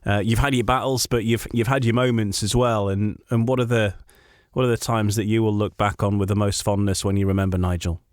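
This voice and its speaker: A man hosting a sports podcast, putting questions somewhat hesitantly and then reading smoother links to the audience. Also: lowish voice, level tone, a little fast, few pauses, darkish tone, no room sound, studio quality. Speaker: podcast host.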